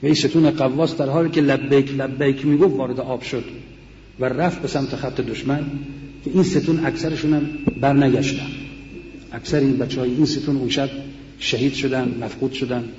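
A middle-aged man tells his memories in an earnest, measured voice. His tone is mellow and dark. The sound is dull and lo-fi, with the long reverb of a large mosque hall. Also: medium pitch, steady tone, a little hiss or hum. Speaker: war veteran speaker. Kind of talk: recounting memories to an audience.

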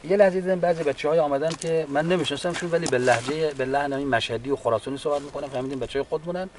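A man, a wounded war veteran, giving a halting, unhurried personal account with frequent restarts. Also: on the high side, background noise. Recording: distant mic with faint background ambience.

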